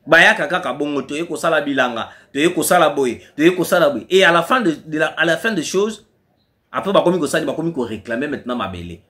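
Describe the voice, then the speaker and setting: Animated, quick and sharp-toned, this Congolese French-accented man's high voice leaps around as he delivers heated political commentary. He hammers his point and repeats key phrases for emphasis, much like a commentator addressing viewers online.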